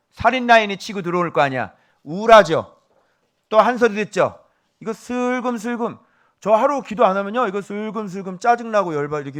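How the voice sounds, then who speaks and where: A middle-aged male pastor delivering a sermon, scolding and quizzing his listeners, jumping from loud emphasis down to hushed whispers. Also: on the high side. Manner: scolding, asks the congregation questions.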